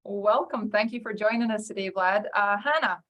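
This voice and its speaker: A woman's voice: medium pitch, normal speed, a bit bright. A woman moderating a panel, thanking each speaker and calling on the next.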